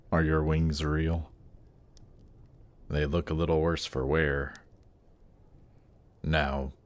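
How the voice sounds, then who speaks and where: In a fantasy roleplay drama, a male actor plays a suave, haughty demon prince who rules a circle of Hell. His exceptionally deep voice lingers over every phrase, sounding polished and regal with a measured, condescending courtliness.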